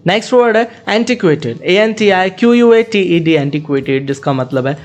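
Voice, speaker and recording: A young man teaching English vocabulary in Hindi, spelling out each word letter by letter and reading each example sentence slowly twice. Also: sits high, lively intonation. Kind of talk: explaining lesson in Hindi.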